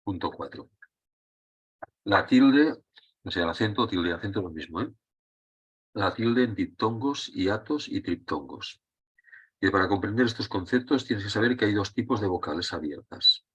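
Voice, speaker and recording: A man with a very deep, husky voice teaches a Spanish grammar lesson. He explains rules patiently, step by step, pausing to check that his students are following. His delivery is conversational and unscripted. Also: lively intonation, fairly bright tone, lo-fi sound.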